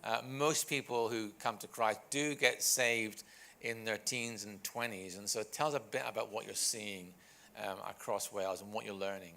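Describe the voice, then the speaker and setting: A man's voice: on the low side, steady tone, normal speed, gravelly, pushed and bright. A man hosting a session informally, introducing and questioning guests, rephrasing hesitantly as he goes. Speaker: session host and interviewer.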